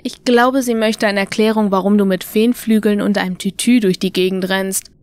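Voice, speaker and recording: A woman's voice: mid-range voice, fairly even intonation, moderate pace, darkish tone, clear, resonant tone, no room sound, close to an everyday voice. A woman voicing a dry-witted young man in a horror audiobook, with sarcastic, mock-indignant remarks.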